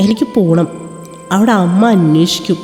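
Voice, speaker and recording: A woman doing a shy, sharp young wife. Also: normal speed, natural voice. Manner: scolding, bashful, pitched up. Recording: echoey reverb with faint music.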